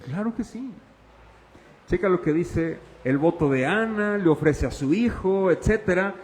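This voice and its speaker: A man preaching a sermon as pastor, questioning the congregation and swinging from loud to hushed. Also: high-pitched, lively intonation, unhurried, in a large hall, poor audio. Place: church.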